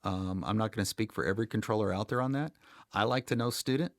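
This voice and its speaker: An American man on the low side of pitch speaks quickly as the podcast's guest expert, an air traffic controller. He comes across emphatic and plain-spoken, conversational with dry humor, in a recording free of echo.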